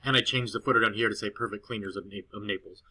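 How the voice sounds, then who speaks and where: An SEO consultant walks through a client report in a loose screen recording, made indoors at his girlfriend's house on a cheap laptop. His voice is fairly low and steady, delivered very fast in a pushed, bright way. He rambles a bit, using fillers and restarting sentences.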